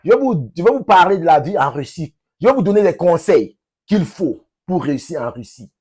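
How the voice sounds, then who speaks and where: A man from Cameroon with a Cameroonian French accent, talking casually to his subscribers in an emphatic, repetitive, halting way. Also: on the high side, very animated, darkish tone, slightly rough. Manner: emphatic, repeats phrases, halting with restarts. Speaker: vlogger, language teacher.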